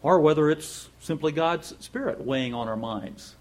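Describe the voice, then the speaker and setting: A man giving a conversational devotional Bible talk, reading scripture slowly and chatting in a folksy way with chuckles between points. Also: a little high, a little mellow. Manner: reads scripture slowly and deliberately. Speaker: Bible teacher.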